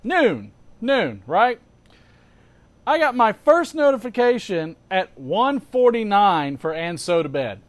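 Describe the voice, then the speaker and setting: A man hosting a casual show, chatting as an animated storyteller with sarcastic asides, emphatic repetition and rhetorical questions. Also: high-pitched, a little slow, few pauses. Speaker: host of a pipe-smoking show. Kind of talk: casual chat.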